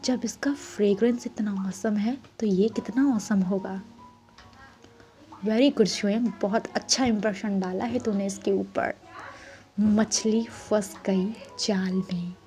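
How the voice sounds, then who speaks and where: A woman's voice: mid-range voice, fairly even intonation, slow, warm tone, soft background music, close to an everyday voice. A woman voicing a scheming young man who mutters sly asides half under his breath. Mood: sly whisper.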